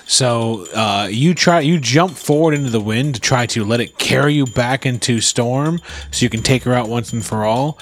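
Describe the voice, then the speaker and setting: A man's voice: mid-range voice, moderate pace, few pauses, a little hiss or hum. A man narrating a tabletop game as game master, often laughing.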